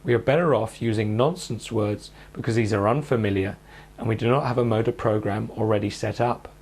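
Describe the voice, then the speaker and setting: A man calmly guiding listeners through speech therapy exercises in a measured instructional narration. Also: fairly low pitch, breathy edge. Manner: calm, measured, step-by-step coaching.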